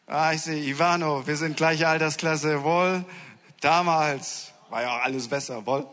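A man's voice: fairly high pitch, fairly even intonation, a little slow, fairly bright tone, big-room sound. A male preacher giving a sermon, telling funny stories to his congregation. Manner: humorous anecdotal storytelling to a congregation.

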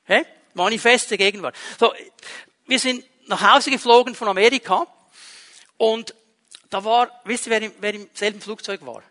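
A man preaching a sermon to his congregation in a lively, conversational way, asking rhetorical questions. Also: high-pitched, normal speed. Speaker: pastor. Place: church hall with a congregation.

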